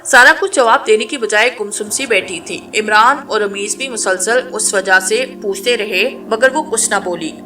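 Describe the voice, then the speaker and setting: A woman narrating a horror story in a steady, dramatic storytelling manner. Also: mid-range voice, moderate pace, few pauses, faint music behind.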